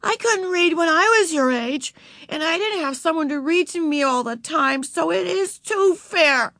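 A woman's voice: on the high side, steady tone, normal speed, no echo, clean studio sound, pitched above the performer's own voice, close to an everyday voice. A woman voicing an exasperated, earnest schoolgirl, the older sister in a storybook. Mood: indignant.

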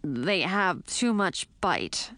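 A woman's voice: fairly low pitch, expressive, very slow, fairly bright tone, no echo, full character voice. A woman voicing a practical young male frog in an audiobook, in a plain, matter-of-fact tone. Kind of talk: audiobook character voice.

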